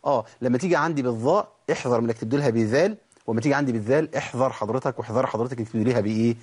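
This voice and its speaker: A man with an Egyptian accent teaching tajweed, sounding out letters slowly and over again and asking the listeners questions. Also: mid-range voice, darkish tone, husky. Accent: Egyptian Arabic. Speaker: Quran recitation teacher. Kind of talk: tajweed lesson in colloquial speech.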